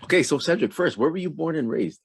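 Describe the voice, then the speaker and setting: A man's voice: fairly high pitch, animated, quick pace, breathy edge. A man hosting a casual interview, a former stand-up comic, encouraging his guest with frequent affirmations.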